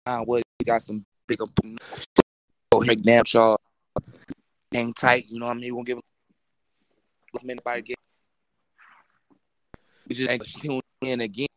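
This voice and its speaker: A man's voice: medium pitch, completely flat delivery, unhurried, long pauses, fairly bright tone, no room sound, low-quality recording. A man co-hosting a casual podcast in laid-back slang, his voice breaking up and cutting out over a remote call connection. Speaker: podcast co-host.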